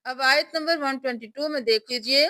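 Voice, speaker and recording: A woman's high-pitched, sharp voice, free of room sound, guides a Quran reading lesson in tajweed: she spells each letter and then recites the word slowly, stretching it out.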